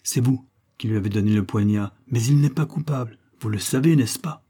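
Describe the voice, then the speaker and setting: A man playing a calm, determined police inspector in a read-aloud detective story. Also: medium pitch, fairly quick, husky, close to an everyday voice. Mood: confiding. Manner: firm, reassuring.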